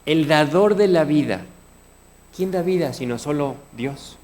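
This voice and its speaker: A man's voice: fairly high pitch, animated, unhurried, darkish tone. A man with a Mexican Spanish accent preaching a sermon, earnest, often asking his congregation questions. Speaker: pastor.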